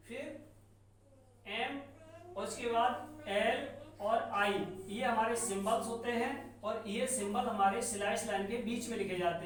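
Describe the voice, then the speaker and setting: Teacher at the board, patient drill-style delivery, heard from across a very reverberant room. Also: mid-range voice. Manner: slow, repetitive, sounding out examples. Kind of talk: classroom lesson on English sounds. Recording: very echoey room from far off, faint noise.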